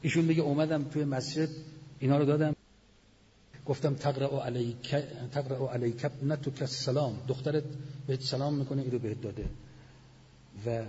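A man's voice: mid-range voice, steady tone, pauses often, dark tone. A man giving a religious lecture, retelling scenes with quoted dialogue and Arabic citations. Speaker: preacher. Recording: lo-fi recording with long hall reverb and faint noise.

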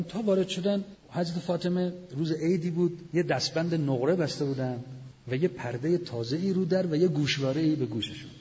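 A preacher gives a religious lecture in a slightly high, darkish voice, retelling scenes with quoted dialogue and Arabic citations. The lo-fi recording has long hall reverb and faint noise.

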